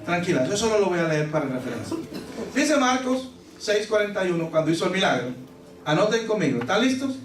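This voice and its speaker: A man pastor preaching a sermon in a church, animated and theatrical, acting out scenes with loud cries. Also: high voice, fairly quick. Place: church service. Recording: echoey church from a distant mic, music behind.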